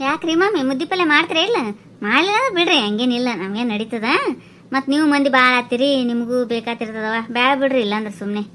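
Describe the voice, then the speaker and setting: A woman voicing a sly young neighbour woman in a comic cartoon, speaking with a North Karnataka Kannada accent and sweet-talking flattery. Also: high-pitched, quick pace, a little hiss or hum. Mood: wheedling.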